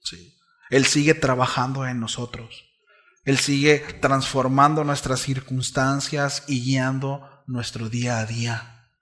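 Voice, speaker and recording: Man, pastor, sermon, conversational preaching, soft asides and loud emphatic peaks, average pitch. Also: steady tone, a little slow. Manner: conversational preaching with frequent "¿sí?" check-ins to the congregation; swings between soft, low asides and loud, emphatic declarations.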